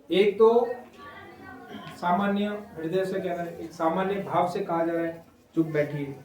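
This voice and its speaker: A man's voice: high voice, darkish tone. A male teacher giving a grammar lesson, explaining step by step and checking in with the class often. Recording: echoey room, mic at a distance.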